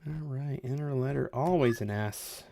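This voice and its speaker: A man hosts a retro computer stream, chatting casually and exclaiming in reaction as he plays a game, in a lively, talkative manner. He has a medium-pitched voice, speaks at a moderate pace, and slight background noise is audible.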